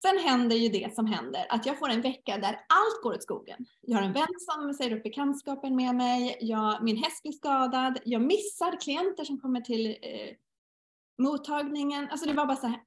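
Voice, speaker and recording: Middle-aged woman chatting on a podcast, kinda high voice, roomy echo, acts out her own inner voices. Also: animated. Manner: storytelling, acts out inner dialogue. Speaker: guest teacher. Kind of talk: casual podcast conversation.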